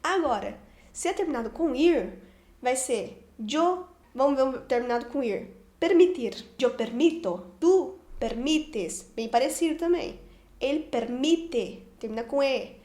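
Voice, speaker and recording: Brazilian lady teacher, high voice, walks thru verb endings slow n patient, repeats stuff. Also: lively intonation, warm tone, echoey room. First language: Portuguese. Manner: patient, repeats each form and ending slowly. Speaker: Spanish teacher. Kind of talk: explaining grammar to learners.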